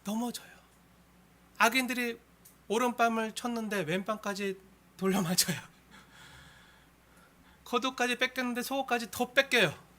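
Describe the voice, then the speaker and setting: A man preaching a sermon as pastor. He swings between loud, impassioned appeals and hushed, near-whispered asides, and often puts rhetorical questions to the congregation. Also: very high-pitched, normal speed, long pauses.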